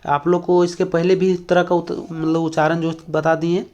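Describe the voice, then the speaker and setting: A man's voice: on the high side, little pitch movement, normal speed, a little mellow, muffled recording. Man teaching an exam-prep lesson. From Jharkhand, India. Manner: explains with many fillers and repeated questions.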